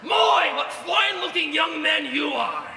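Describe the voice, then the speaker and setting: An actress playing a very old, doting, forward widowed grandma in a stage musical. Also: female voice, sits high, animated, a little slow. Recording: echoey hall, distant, noisy stage recording.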